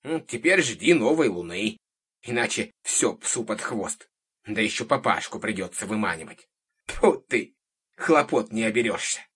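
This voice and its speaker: Man putting on a hoarse old witch. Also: on the low side, moderate pace, a bit bright. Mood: muttering. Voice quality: hoarse, cawing like a crow. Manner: domineering, grumbling. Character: gruff bossy old witch woman.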